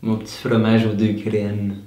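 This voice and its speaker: A man reading a comic mad lib story aloud, laughing and shouting as he goes. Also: lowish voice, completely flat delivery, normal speed, roomy sound, soft background music. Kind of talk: casual comedic game reading.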